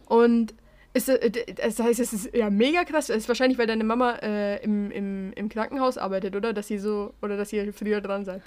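A woman's voice: mid-range voice, steady tone, a little fast, darkish tone. A young woman chatting casually as a podcast co-host, with trouble pronouncing her R sounds. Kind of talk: casual chat.

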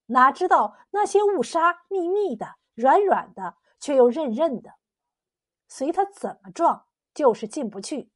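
A woman narrating a folk legend as a storyteller in a lively, expressive way. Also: sits high.

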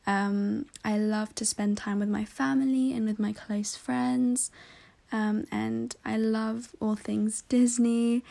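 A woman in her twenties who is half Filipino, half Italian and lives in London introduces herself as a podcast co-host. Her mid-range voice is warm with some vocal fry, and she comes across as composed and precise, with small laughs.

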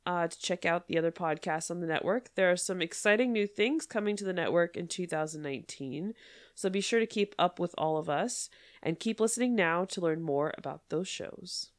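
A woman with a fairly low, clear voice chats casually as a podcast host. She is stuffed up with a cold, giggly and loose in her talk. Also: brisk. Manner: giggly, frequent filler "like". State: congested with a cold, blocked nose.

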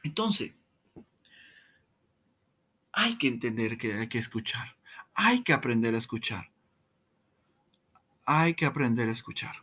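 A man giving a motivational talk on communication, checking in often with "¿sí?", repeating and stumbling over words, with dramatic swings in pitch. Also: unhurried, pauses often, husky. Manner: repeats "¿sí?" to the audience, animated. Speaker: speaker on communication.

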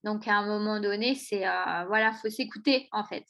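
A woman's voice: medium pitch, moderate pace, pushed and bright. A woman hosting a casual podcast interview, speaking reflectively with frequent fillers. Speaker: podcast host.

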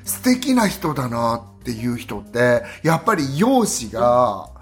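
A woman's voice: a bass voice, sing-song, a little slow, soft background music. A woman in her fifties a touch of dialect, chatting casually as a podcast co-host in a rambling, colloquial way. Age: 50s. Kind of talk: casual chat.

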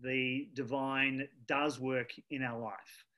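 A man's voice: mid-range voice, level tone, slow pace, sharp tone. A man hosting an interview, asking questions and affirming his guest with brief interjections. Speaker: interviewer, host.

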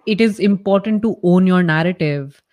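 A woman's voice: lowish voice, normal speed, darkish tone. A woman with a North Indian accent giving conversational interview answers, explaining her points emphatically and restating them in parallel phrases. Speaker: startup founder, interview guest.

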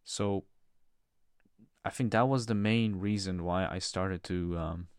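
A man's voice: low-pitched, slow, smooth, dry recording, studio quality. A young man from the Czech Republic, a podcast guest, talking casually about his life and hesitating often with fillers and restarts. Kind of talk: casual personal conversation.

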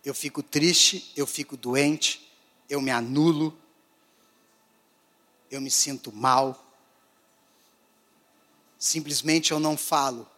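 A high-pitched man preaches to a gathering, his voice ringing with a long hall echo. He swings dramatically between raised, emphatic lines and hushed, drawn-back ones. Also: steady tone, takes it slowly, long pauses. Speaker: pastor. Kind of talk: sermon.

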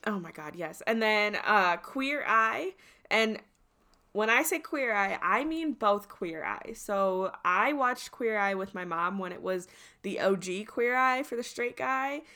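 A woman's voice: mid-range voice, animated, measured pace, sharp tone. A young woman co-hosting a casual podcast chat, gushing and emphatic about the shows she loves. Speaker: podcast co-host.

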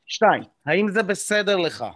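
Higher-pitched man coaching a live group. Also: very animated, a bit bright, no room sound, clean studio sound. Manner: explanatory, checks in often with the audience; frequent hesitation fillers. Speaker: communication coach leading a workshop.

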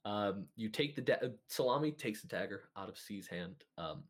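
Halting young male game master. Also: lowish voice, lively intonation. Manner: casual, halting, many restarts. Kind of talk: narrating a tabletop game.

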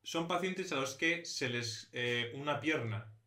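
A man's voice: mid-range voice, a little slow, pushed and bright, echoey room. A young man co-hosting a casual podcast chat, joking and rambling as he goes. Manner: jokey, rambling, laughs often. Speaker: podcast co-host.

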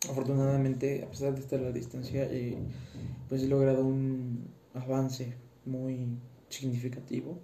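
A young man with a Mexican Spanish accent talks on his own casual solo podcast about being a singing student, hesitating often and using lots of fillers. His mid-range voice is monotone and dark in tone, at a normal speed. The room is echoey with faint background noise.

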